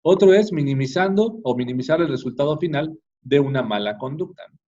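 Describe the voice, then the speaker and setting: Husky man teaching parents, tagging "no?". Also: a little high, lively intonation, brisk, dark tone. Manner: frequent tag "¿no?" and restarts. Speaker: parenting course speaker. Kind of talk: informal talk to parents. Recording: dull lo-fi recording.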